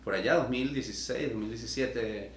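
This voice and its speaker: A man's voice: mid-range voice, fairly quick, roomy sound, slight background noise. A man from Venezuela hosting a podcast interview, talking in long, enthusiastic, rambling runs. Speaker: podcast host. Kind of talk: casual interview conversation.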